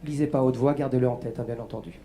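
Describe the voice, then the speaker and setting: A man's voice: mid-range voice, steady tone, racing, dark tone. Coaxing male mentalist guiding a volunteer. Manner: patient, coaxing, reciting letters to a volunteer. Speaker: stage mentalist guest. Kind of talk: live mind-reading demonstration.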